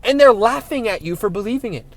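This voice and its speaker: A young man delivers a heated, swear-filled monologue, calling his listeners "bro" as he preaches. His voice sits high for a man. The sound is dry and close, with no room echo. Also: animated, fast talker. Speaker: spiritual vlogger. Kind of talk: casual monologue.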